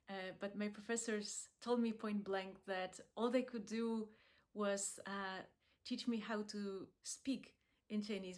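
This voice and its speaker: A woman from Poland who heads an accessibility program gives a calm, measured talk in a pre-recorded video. Her voice is mid-range, and she pauses briefly and often.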